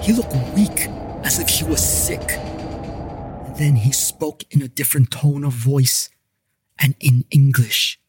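A man's voice: medium pitch, slow, breathy edge. A man narrating a paranormal detective story in the first person, with a wry, joking delivery over background music.

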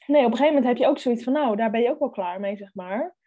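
A woman's voice: on the high side, expressive, very fast, narrow, tinny audio. A young woman co-hosting a book podcast, reading a thriller excerpt aloud and chatting casually about it, thinking aloud with hesitant fillers.

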